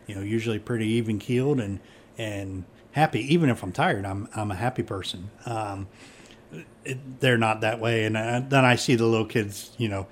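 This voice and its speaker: A man's voice: lowish voice, slight background noise. A middle-aged man, a police chief, chatting casually and rambling with many fillers and restarts. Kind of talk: casual conversation.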